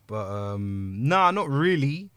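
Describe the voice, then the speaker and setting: A man's voice: mid-range voice, very animated, takes it slowly, fairly bright tone, clean tone, no room sound. A man with a London roadman accent, chatting casually in blunt, sweary street slang. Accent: London roadman, urban street slang. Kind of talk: casual group chat about music.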